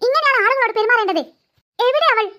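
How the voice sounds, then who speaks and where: A woman voicing a sharp-tongued, sarcastic middle-aged mother in a cartoon series, scolding her daughter. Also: extremely high pitch, fast, over music. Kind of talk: cartoon voice acting.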